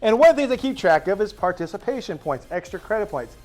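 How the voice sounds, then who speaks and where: On the first day with his new class, a male teacher tells animated stories full of drawn-out asides. His voice is high and swings widely in pitch, with soft music faintly underneath.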